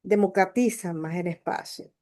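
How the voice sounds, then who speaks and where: A woman literature professor, chatting informally with her students at the close of a class, with filler pauses. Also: on the low side, warm tone. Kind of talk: closing remarks in an online class.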